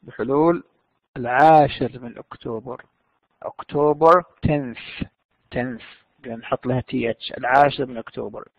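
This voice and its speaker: Gravelly teacher. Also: male voice, mid-range voice, steady tone, moderate pace, no echo. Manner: explains in Arabic with frequent fillers. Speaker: English teacher. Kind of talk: bilingual classroom lesson. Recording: tinny phone-like dry sound.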